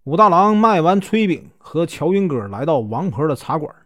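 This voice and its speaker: A man's voice: a little high, sing-song, normal speed, a bit bright. A man from Northeast China with a Northeastern Mandarin accent, telling a classic tale in a chatty, casual way with many filler particles. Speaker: storyteller. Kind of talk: casual folk-tale narration.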